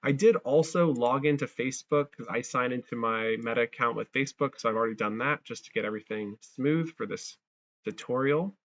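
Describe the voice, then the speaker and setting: A man giving a casual, chatty software tutorial and thinking aloud as he clicks through each step, his audio crunchy and distorted. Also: medium pitch, brisk, muffled recording. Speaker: tutorial creator. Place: abroad, working on a laptop.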